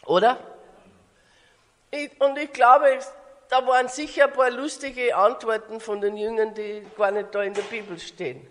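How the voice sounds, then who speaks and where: A woman preaching a sermon, earnest and storytelling, dropping to a hush for emphasis. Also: fairly high pitch, fairly even intonation, normal speed. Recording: echoey hall.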